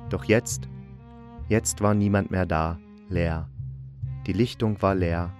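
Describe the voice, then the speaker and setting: A man narrating a homemade family radio play as a gentle, patient storyteller. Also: deep voice, steady tone, takes it slowly, soft background music. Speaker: narrator and show host.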